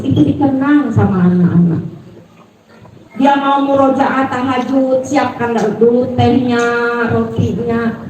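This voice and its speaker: A woman giving a lively religious parenting talk to mothers, telling stories and rising high when excited. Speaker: parenting speaker. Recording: echoey hall, distant from the mic.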